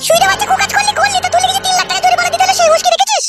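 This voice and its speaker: Female actor as very high, rapid scolding wife; noisy lo-fi. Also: flat delivery, loud music behind the voice. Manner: shrill scolding, rapid insults. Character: nagging scolding young wife, sharp-tongued. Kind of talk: adult comedy cartoon dubbing.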